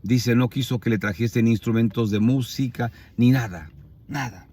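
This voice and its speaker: A man's voice: medium pitch, normal speed, mellow, slightly rough. A man preaching a sermon, retelling a scripture story with emphatic repetition and rhetorical questions.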